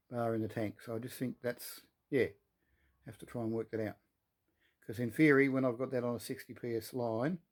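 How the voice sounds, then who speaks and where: A man hosts a workshop video update from his shed, talking to viewers in an easygoing, folksy style while he works and making light of himself. His voice is mid-range and a little mellow.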